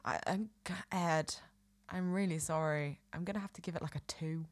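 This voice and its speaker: A woman co-hosting a casual podcast chat, halting and restarting as she talks. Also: low-pitched, fairly even intonation. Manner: chatty, halting, many restarts and fillers. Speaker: podcast co-host.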